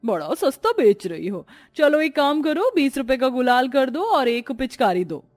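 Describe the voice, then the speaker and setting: A man doing a brisk bargaining woman customer. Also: very high-pitched, very animated, soft background music, pitched above the performer's own voice. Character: chatty female customer, bargaining.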